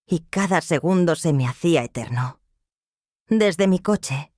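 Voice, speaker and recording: A woman narrating a dramatic first-person story in a measured, serious way. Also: low-pitched, a little mellow, no echo, clean studio sound.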